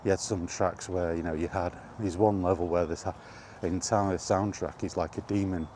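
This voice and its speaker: At a normal speed, a middle-aged vlogger reminisces informally about retro gaming in his personal vlog. His low, slightly mellow voice stays fairly even in intonation, and slight background noise runs underneath.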